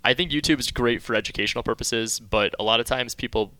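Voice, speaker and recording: Guy in his 20s on a podcast, talks quick, bright crisp voice. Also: mid-range voice, dry recording. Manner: upbeat, emphatic business talk. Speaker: podcast guest. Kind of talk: casual podcast chat.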